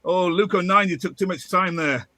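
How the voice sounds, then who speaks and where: A man's voice: sits high, normal speed, crowd noise. A man co-hosting a football watchalong, calling the play live with jokey asides. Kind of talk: excited live match commentary.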